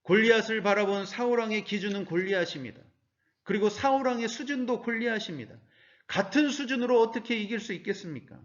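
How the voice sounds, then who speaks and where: Earnest male preacher with a higher voice; muffled, low-fidelity church sermon recording. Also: fairly quick. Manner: earnest preaching with rhetorical questions. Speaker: pastor.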